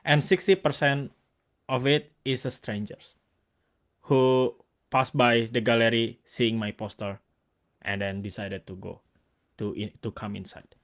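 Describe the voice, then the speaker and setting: A man with an Indonesian accent talks in a relaxed conversational interview. His speech comes in short, stop-start pieces, often restarting words and leaning on fillers. His voice sits at an ordinary middle pitch for a man. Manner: halting, restarts words, many likes and fillers. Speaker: host and photographer.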